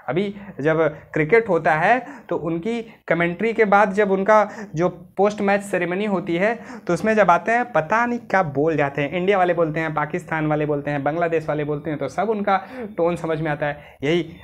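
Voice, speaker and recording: Chatty Indian male biology teacher. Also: high voice. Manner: chatty, calls students "beta", slows right down to dictate English. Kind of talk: casual classroom lecture.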